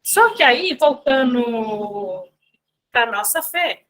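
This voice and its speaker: Woman, high voice, lay speaker, informal spiritual talk, chatty storyteller. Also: expressive, drawn-out words, a bit bright. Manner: chatty, storytelling with filler tags and asides to listeners.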